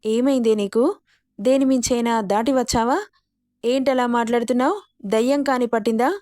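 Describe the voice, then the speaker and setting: An indignant middle-aged mother who fiercely defends her son and scolds, as a woman narrator puts her on. The voice is a bit high and dry. It is a storybook reading. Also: fairly even intonation, moderate pace, mellow, no echo, natural voice. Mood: scolding, indignant.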